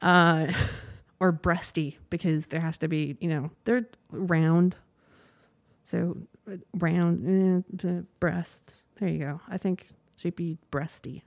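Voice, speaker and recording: A woman's voice: lowish voice, steady tone, slow pace, dry recording. A young woman hosting a casual podcast, telling a story in a chatty, rambling way with frequent laughs. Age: young adult. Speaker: podcast host. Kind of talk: casual monologue.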